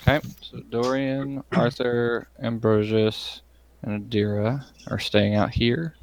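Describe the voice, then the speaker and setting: A man serving as game master at a tabletop session. He narrates in a loose, rambling way, leaning on fillers as he goes. His pitch sits in the ordinary middle range for a man. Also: fairly even intonation, takes it slowly, no room sound.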